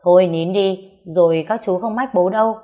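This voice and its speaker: A woman's voice: on the low side, moderate pace, lo-fi sound, natural voice. A woman voicing stern village farmers who catch and scold a little girl in a storybook reading. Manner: scolding, loud. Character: gruff village farmers, stern adult men.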